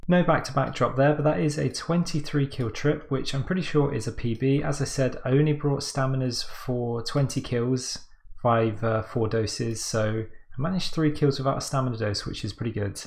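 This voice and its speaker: An echoey, cave-like room surrounds this man's voice. He has a creaky, fry-edged tone at an ordinary male pitch. He talks through his gaming progress in a conversational, understated way, as a creator doing casual commentary. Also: moderate pace, a little mellow. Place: sparsely furnished room at home.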